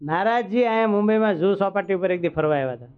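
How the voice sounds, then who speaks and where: A man's voice: high-pitched, quick pace. A man giving a humorous, rustic devotional sermon full of folksy stories. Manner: humorous, chatty, rustic storytelling. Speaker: religious storyteller. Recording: tinny phone-like sound with faint music.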